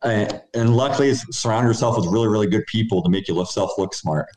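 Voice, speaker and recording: A man's voice: on the low side, fast talker, darkish tone. Man talking over a roomy video call. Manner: upbeat, rambling, restarts sentences. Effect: heard over a video call. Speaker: basketball coach and club program director. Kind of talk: casual interview answers.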